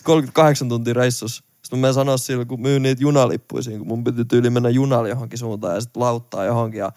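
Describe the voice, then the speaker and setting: A young man from Finland, a podcast co-host telling a travel story in casual chat, lively and laughing, with some swearing. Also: medium pitch, no room sound, studio quality.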